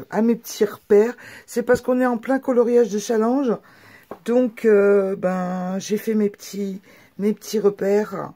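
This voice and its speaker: Mellow-voiced woman chatting casually. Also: mid-range voice. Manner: chatty, hesitant with many fillers. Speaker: craft vlogger. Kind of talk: casual show-and-tell video.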